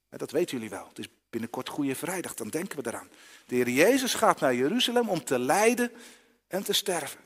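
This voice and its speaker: Man, children's sermon, lively swinging delivery, fairly high voice, direct questions to kids, long church reverb. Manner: asks the listeners questions directly. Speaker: preacher.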